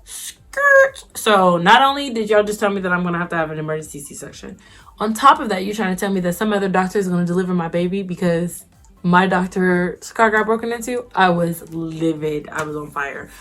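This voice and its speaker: A young adult woman vlogger telling a personal story casually, acting out what people said with big jumps in pitch. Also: a little fast, soft background music. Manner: animated, acts out quotes with big pitch jumps.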